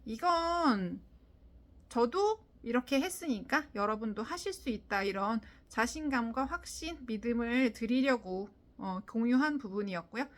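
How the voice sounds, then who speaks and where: A Korean-speaking woman teaching English listening to viewers, with many fillers, who demonstrates English sounds and stress out loud. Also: fairly high pitch, animated, a little slow. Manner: frequent fillers, talks directly to viewers. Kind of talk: video lesson on English listening.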